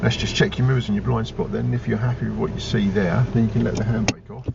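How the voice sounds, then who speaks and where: Male driving instructor, encouraging and methodical, lowish pitch, recorded off-mic inside a noisy moving car. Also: steady tone, quick pace, vocal fry. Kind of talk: driving lesson, step-by-step spoken instruction. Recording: muffled, loud car engine noise, distant mic.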